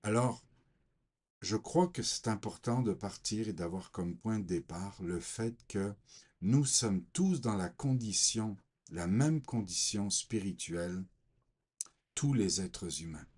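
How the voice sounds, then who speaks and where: A man from Portugal giving a hesitant personal faith testimony with scripture reading, pausing often with fillers. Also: lowish voice, animated, a little mellow, husky. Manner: slow, hesitant, many fillers.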